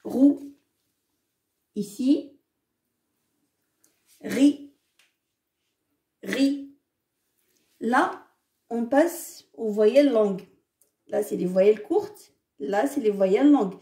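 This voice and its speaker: A woman's voice: on the high side, expressive, slow pace, mellow. A woman teaching the alphabet to children in a remote lesson, patient and checking often that they follow. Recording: echoey room, distant mic.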